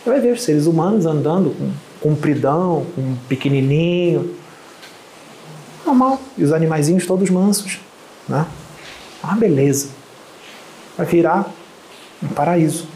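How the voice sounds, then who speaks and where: A man's voice: a little high, mellow, a little hiss or hum. Emphatic Carioca man lecturing in a roomy echo. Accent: Carioca Portuguese. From Rio de Janeiro, Brazil. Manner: emphatic and lecturing, scornful of critics. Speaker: spiritual medium channeling. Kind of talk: channeled spiritual lecture.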